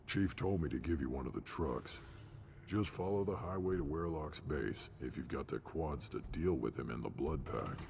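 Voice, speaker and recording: Surly deep-voiced gravelly alien brute. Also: male voice, normal speed, darkish tone, slight background noise. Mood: gruff, annoyed. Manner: gruff, curt, dismissive. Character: surly alien brute, grudging toward human customers. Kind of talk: scripted video game dialogue.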